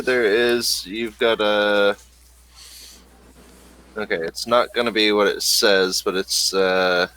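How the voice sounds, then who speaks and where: Acting as game master, a man narrates a sci-fi tabletop session in a bright, forward tone pitched fairly low. He takes his time, describing each scene slowly as he works it out. The recording is low quality.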